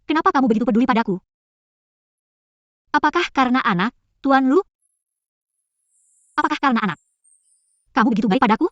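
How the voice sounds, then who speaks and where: A woman's voice: high-pitched, expressive, brisk, pauses often, no echo, highs cut off. A young actress dubbing a hurt village woman in a short drama, emotional and tearful as she pleads. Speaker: lead actress.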